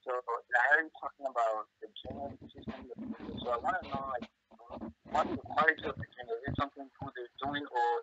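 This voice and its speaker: A male caller on a call-in radio show, talking with the phone held away from his mouth and pausing and repeating words as he asks his question. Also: medium pitch, steady tone, noisy background. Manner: halting, repeats words while asking. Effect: phone held away from the mouth, faint and distant. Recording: muffled phone line, far from the mic.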